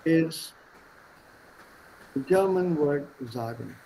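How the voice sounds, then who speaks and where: A native Gujarati speaker with an Indian accent teaches an online German class in English over video call, explaining patiently and slowing to stress key words. His voice is a little high, expressive and mellow, with vocal fry. The recording is rough, with a little hiss or hum.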